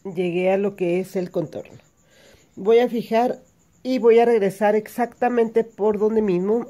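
A woman's voice: mid-range voice, steady tone, unhurried, dark tone. A woman giving a patient step-by-step hand embroidery lesson, explaining each stitch as she works. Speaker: embroidery teacher.

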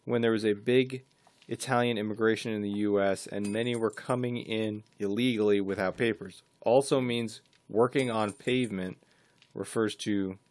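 Male gaming streamer, low register, dry deadpan delivery, casual co-op banter. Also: moderate pace, no echo. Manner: reads facts aloud off his screen in a dry, matter-of-fact way.

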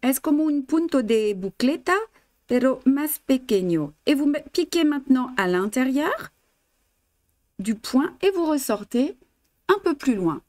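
A woman's voice: sits high, very animated, unhurried, darkish tone, no echo. A woman teaching traditional embroidery on a live stream, giving patient step-by-step instructions full of fillers and chatting with her viewers. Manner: chatty, greets and answers viewers' comments. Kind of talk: live craft demonstration, switching languages.

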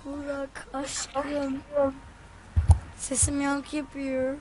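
A woman's voice: sits high, monotone, extremely slow, a little hiss or hum. A young woman joking around with friends over a game, her voice ringing with a cave echo. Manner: playful, teasing, swears casually. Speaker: gaming video host. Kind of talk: casual gameplay chat with friends. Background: game music.

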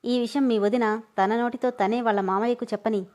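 Woman reading as a young husband, fond, teasing, protective, a touch lower, brisk. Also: fairly even intonation, darkish tone. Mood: tender. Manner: fond and teasing, speaks quickly.

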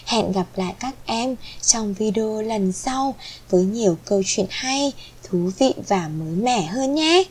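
Slow, gentle woman reading to children. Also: medium pitch, lively intonation. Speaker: children's storyteller. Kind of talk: storytelling for young children.

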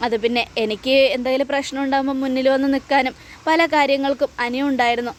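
Brief: woman voicing a tearful young woman in a serial recap, high voice, earnest. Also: fairly even intonation, fast, close to an everyday voice. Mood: pleading. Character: heartbroken young woman torn over love.

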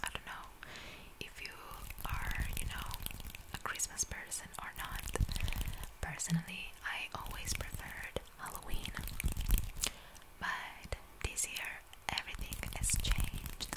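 Young woman whispering ASMR. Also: low-quality recording. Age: young adult. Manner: whispering, with rapidly repeated trigger words. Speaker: ASMR video creator and streamer. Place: small room at home, indoors. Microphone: close studio microphone.

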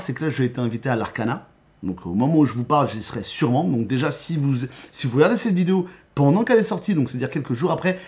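A man's voice: mid-range voice, a little mellow. Chatty man giving a channel update. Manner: enthusiastic, with frequent restarts. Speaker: YouTube host and game master.

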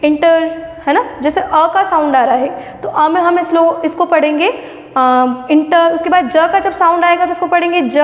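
A woman with a very high voice teaches a language lesson, explaining each point step by step. She keeps asking rhetorical questions as she goes. Her voice rings out with a long reverb in an echoey room. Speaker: English teacher. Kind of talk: classroom lesson on phonetic sounds.

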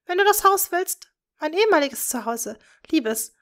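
A woman's voice: sits high, big pitch swings, moderate pace, a bit bright, voice pushed up. A woman voicing a proud, scheming aristocratic witch and mother, speaking intensely and possessively to her daughter. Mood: conspiratorial.

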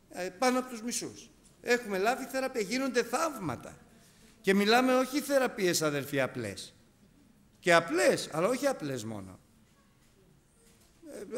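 A middle-aged man preaching a sermon, emphatic and repeating key phrases, telling stories with quoted dialogue. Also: fairly high pitch.

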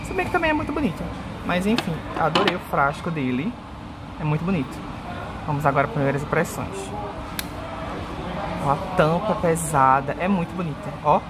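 A man's voice: on the high side, fairly quick, pauses often. A chatty vlogger, talking to his viewers through a face mask. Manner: chatty, excitable, addresses viewers. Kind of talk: casual vlog chat. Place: indoor shopping mall. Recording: mall ambience noise behind.

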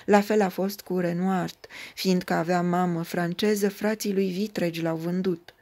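A woman reading a legend aloud as an audiobook, in measured, dramatic storytelling narration. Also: lowish voice, fairly even intonation, darkish tone. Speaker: audiobook reader.

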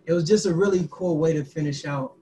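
A man in his twenties, a youth activist, recounting events on a video call in a halting way with many fillers. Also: fairly high pitch, a crowd in the background, low-quality recording. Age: 20s. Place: small indoor room. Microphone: laptop webcam mic, group on one call.

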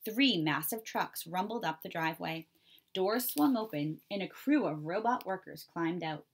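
A woman reading a children's chapter book aloud in a clear, steady storytelling manner. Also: on the low side, moderate pace. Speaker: reader.

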